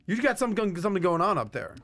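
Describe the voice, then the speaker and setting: Male co-host, slightly high, gravelly, playful banter. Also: big pitch swings, fairly bright tone. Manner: joking, quick reactions. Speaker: podcast co-host. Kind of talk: casual panel chat.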